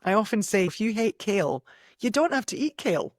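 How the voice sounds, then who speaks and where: A woman's voice: medium pitch, very animated, brisk, no room sound. A Scottish woman talks as a podcast guest, explaining nutrition with enthusiasm and a practical bent, laughing easily. Her voice sounds close and dry, with no room around it. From Scotland. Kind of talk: podcast interview.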